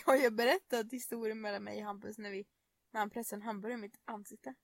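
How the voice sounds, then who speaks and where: A woman's voice: mid-range voice, fairly even intonation, gravelly, no room sound. A young woman co-hosting a podcast, telling a story in casual chat, laughing and swearing often. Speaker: podcast co-host.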